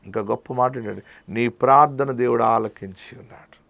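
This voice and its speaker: A male pastor delivering an emphatic sermon, dropping to a hush and then rising to loud declarations. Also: medium pitch, moderate pace, gravelly, no room sound. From India. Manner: emphatic preaching, swinging between hushed and loud.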